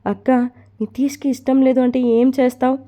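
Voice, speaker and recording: A woman voicing a younger sister, calm, reassuring, high-pitched, soft mellow tone, storybook. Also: fairly quick, natural voice. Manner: reassuring, persuasive.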